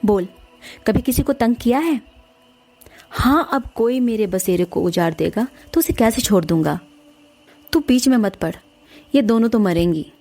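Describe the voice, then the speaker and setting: Woman putting on a creepy tree spirit, taunting and threatening, soft mellow voice. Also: a little high, animated, measured pace, pauses often. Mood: menacing. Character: menacing male tree spirit possessing an aunt.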